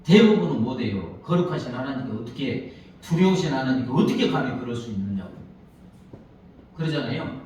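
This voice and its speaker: A man's voice: medium pitch, animated, brisk, darkish tone, a little hiss or hum. A male pastor preaching a Sunday sermon. He acts out pleading prayers and puts questions to the congregation. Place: church sanctuary. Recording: echoey church hall, mic at a distance.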